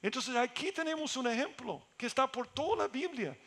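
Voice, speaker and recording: A man's voice: very high voice, lively intonation, moderate pace, a bit bright. A middle-aged man preaching a sermon in Spanish as a pastor, earnest and building to emphatic peaks.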